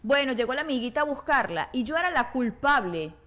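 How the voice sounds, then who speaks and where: Woman, quick talker, fairly high voice, lively storyteller. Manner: animated storyteller acting out family dialogue. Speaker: podcast co-host. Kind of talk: casual chat.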